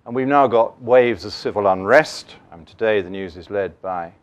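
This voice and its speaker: Deep-voiced man at a lectern. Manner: measured, with frequent "uh" fillers and restarts. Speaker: investment keynote speaker. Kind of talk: keynote talk on markets. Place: conference room, standing at a lectern.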